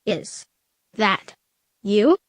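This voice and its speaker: A woman's voice: on the high side, lively intonation, extremely slow, sharp tone, no room sound, studio quality, exaggerated voice. A woman voicing a starving, weak teenage female hedgehog with a feeble, crackly voice.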